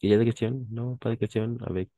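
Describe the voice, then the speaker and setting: A man's voice: mid-range voice, steady tone, fast talker, dark tone, dry recording. A man teaching a French class, patiently repeating words and correcting pronunciation, switching into Spanish to explain. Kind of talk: language class instruction.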